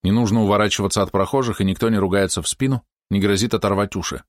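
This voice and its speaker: A man narrating an audiobook in a measured, expressive storytelling manner. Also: on the low side, no room sound, clean studio sound. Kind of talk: scripted narration.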